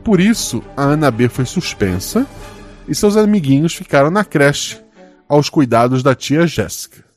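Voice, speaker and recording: A man's voice: fairly high pitch, lively intonation, moderate pace, soft background music. A man with a Brazilian accent hosting a story game podcast, narrating as game master.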